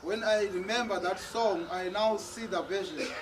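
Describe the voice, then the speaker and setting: A man's voice: high-pitched, moderate pace. A man interpreting a church testimony line by line, sometimes hesitating and repeating words. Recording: distant mic with noise.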